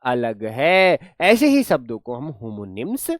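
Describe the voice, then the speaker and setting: A man's voice: mid-range voice, wildly swooping pitch, unhurried, dry recording, studio quality. A man teaching an online class, explaining words playfully, repeating his questions and praising his students.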